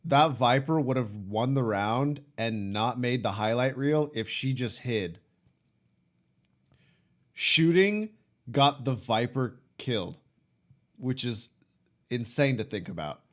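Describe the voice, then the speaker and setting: A young man streaming, reacting to clips in casual chat, excitable and swearing, shouting in disbelief at big plays. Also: mid-range voice, slow, long pauses.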